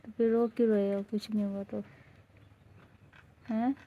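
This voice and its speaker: A woman's voice: medium pitch, little pitch movement, phone-quality sound. A woman from Pakistan in a casual home vlog who talks worriedly, asks questions and repeats herself. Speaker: vlogger's wife.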